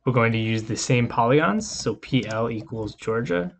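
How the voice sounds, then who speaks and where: A man teaching a recorded coding lesson in an easygoing, explanatory way. His voice sits at an ordinary middle pitch and he talks through each step as he goes. Keyboard clicks and typing come through behind him. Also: expressive, normal speed, creaky, a little hiss or hum. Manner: casual, explanatory, talks while typing code. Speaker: lecturer. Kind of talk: screen-recorded coding lecture.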